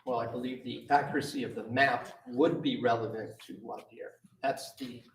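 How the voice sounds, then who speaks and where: A man questioning a witness in court, halting and full of uhs and restarts. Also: mid-range voice, fairly even intonation. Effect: courtroom recording. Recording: echoey courtroom audio from a distant mic with faint noise.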